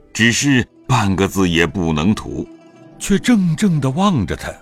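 A man with a fairly low voice tells the story slowly. His reading is expressive and the pitch rises and falls widely, with faint music under it. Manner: slow, expressive, dramatic reading. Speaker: narrator. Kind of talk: storytelling narration of a classic novel.

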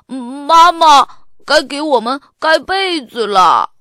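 A woman reading a storybook aloud and voicing an anxious young boy who pleads and hesitates with drawn-out fillers. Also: mid-range voice, expressive, dry recording, studio quality. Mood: worried. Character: young schoolboy, anxious and sheepish.

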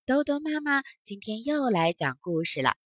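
A woman reading a children's story aloud in a sweet, expressive, coaxing manner. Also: fairly high pitch, normal speed, no room sound, clean studio sound.

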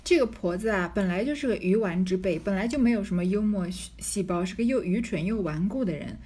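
A woman tells and explains a classic novel in a relaxed, chatty way, at a middle pitch. She fills her pauses casually, as if talking to a listener at bedtime. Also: husky. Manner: relaxed, conversational explaining with fillers. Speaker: narrator and commentator. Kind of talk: storytelling commentary on a classic novel.

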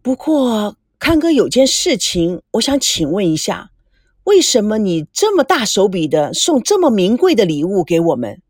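A modest young man who speaks politely and earnestly to his boss, as a woman reader plays him. The reading stays close to her own voice, lively in pitch. The sound is dry and near. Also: moderate pace, husky, no room sound. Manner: courteous and earnest.

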